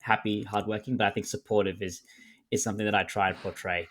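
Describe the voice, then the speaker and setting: This Australian podcast guest in his twenties talks fast in a level tone, his lowish voice a bit bright. He's casual and laid-back in the conversational interview, hesitating and correcting himself. There's no echo.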